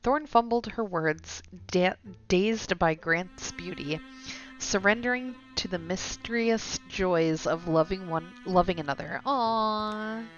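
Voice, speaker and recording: Reading a game's story aloud on stream, this woman speaks slowly at a medium pitch, tripping over some words and turning to chat with her viewers now and then. Game music plays behind the dull, lo-fi audio.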